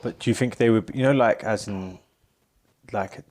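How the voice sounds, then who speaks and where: A man's voice: fairly low pitch, moderate pace, a little mellow. A man hosting a casual podcast interview, attentive and often chiming in with short agreements. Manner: attentive, frequent brief agreements.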